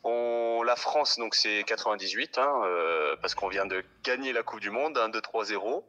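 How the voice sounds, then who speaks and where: A man's voice: lowish voice, moderate pace, bright, forceful tone. A man explaining a scene informally, conversational and a little hesitant. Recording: dull lo-fi radio-like sound.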